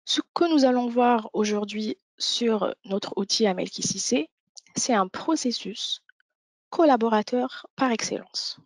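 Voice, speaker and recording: A woman with a fairly high voice presents an instructional webinar as a software demo presenter, explaining each thing step by step at a measured pace. The recording is dry.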